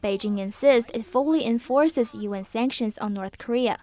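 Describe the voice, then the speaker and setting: A woman's voice: on the high side, moderate pace, mellow. A woman reporter narrating a scripted news report.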